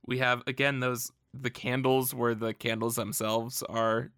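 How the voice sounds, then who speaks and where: A man co-hosts a casual comic book podcast in a bright, forceful voice with a dry, close sound. He talks in an animated way, swears freely and laughs often. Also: mid-range voice, a little slow, clear, resonant tone, no echo. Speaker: podcast co-host.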